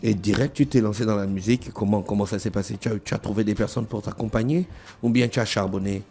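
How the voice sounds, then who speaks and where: A man's voice: on the low side, fairly even intonation, fast talker, mellow, slightly rough. A man hosting a morning radio show in a casual, teasing, inquisitive way. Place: radio studio.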